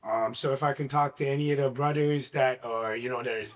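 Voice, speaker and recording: A man's voice: mid-range voice, fairly even intonation, brisk. A man speaking casually on a panel about working in the skilled trades, filling his sentences with "like" and "you know". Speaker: former trades student. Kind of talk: candid panel talk.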